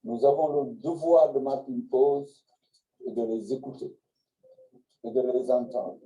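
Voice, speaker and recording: A man's voice: medium pitch, unhurried, dark tone, poor audio. A man, a public official, giving a solemn and emphatic formal address.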